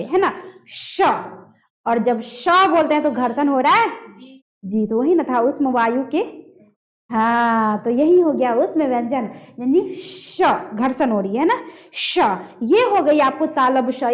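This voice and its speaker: A woman teaching a grammar lesson, demonstrating sounds aloud and quizzing her students. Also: high-pitched. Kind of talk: classroom lesson on pronunciation.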